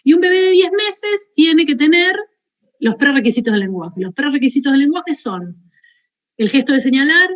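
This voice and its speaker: Argentine woman lecturing, higher voice. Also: expressive, moderate pace, muffled recording. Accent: Argentine Spanish. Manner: explanatory, peppers points with questioning "¿sí?". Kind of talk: university lecture.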